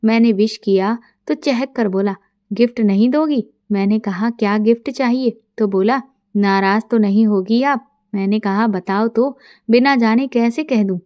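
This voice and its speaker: A middle-aged woman narrating a first-person story in a soft, intimate way, quoting dialogue plainly. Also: on the high side, a little slow, no room sound, dull audio.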